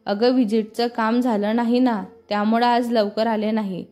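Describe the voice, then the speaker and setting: A woman's voice: fairly high pitch, steady tone, moderate pace, mellow, lightly acted. A woman voicing a timid young female bank employee who talks hesitantly and apologetically.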